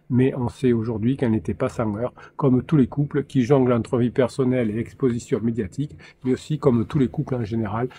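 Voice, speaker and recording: Hesitant male relationship coach, mellow voice. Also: mid-range voice, a little hiss or hum. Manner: hesitant, frequent fillers and restarts. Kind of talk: solo coaching talk to camera.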